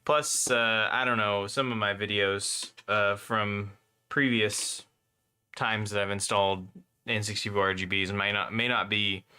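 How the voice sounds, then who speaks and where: At his workbench, an electronics modder streams a console mod install, talking casually, rambling, and filling gaps while a slight cold cough lingers. His low-leaning voice is bright, forceful, and smooth, with fairly even intonation and a measured pace.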